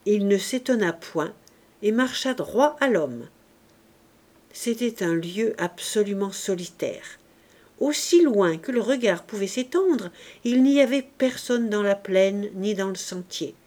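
A woman reads a classic novel aloud at an unhurried, deliberate pace. Her voice sits at a middle pitch, and she shapes each sentence with care. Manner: measured, expressive reading. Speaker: audiobook narrator. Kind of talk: slow literary audiobook narration.

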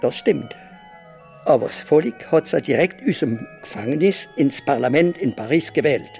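In a radio play, a male actor plays a proud, opinionated Alsatian writer being interviewed, answering in an assertive yet measured way. His voice is fairly high-pitched, gravelly and darkish, with lively intonation. Soft music plays in the background.

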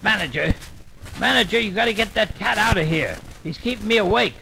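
A man's voice: sits high, animated, fairly quick, gravelly, noisy background. A man playing a fussy, gullible cartoon hotel guest who keeps complaining, in a vintage cartoon radio performance.

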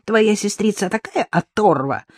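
A narrator voicing a spiteful elderly mother-in-law who scolds in a shrill, outraged voice. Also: expressive, moderate pace, darkish tone, no room sound, clean studio sound. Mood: venomous. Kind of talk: audiobook character voice.

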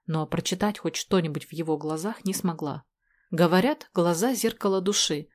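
A woman narrating a story in the first person in a steady, measured way. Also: fairly low pitch. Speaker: audiobook narrator.

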